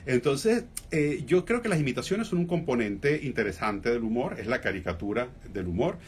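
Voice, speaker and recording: A man with a Venezuelan accent, a humorist guest in a radio interview, talking reflectively with many fillers and pauses. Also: mid-range voice, expressive, a little hiss or hum.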